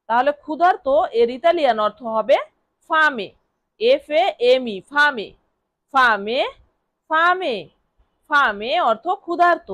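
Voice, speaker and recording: High-voiced woman drilling vocabulary. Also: a bit bright, dry recording. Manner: repeats each word slowly and spells it out letter by letter; asks questions and answers them herself. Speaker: language teacher. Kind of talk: vocabulary lesson.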